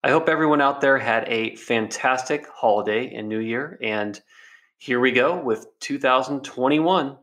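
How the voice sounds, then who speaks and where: Male podcast host, mid-range pitch, friendly interviewer. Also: normal speed, fairly bright tone. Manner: friendly, steers with questions.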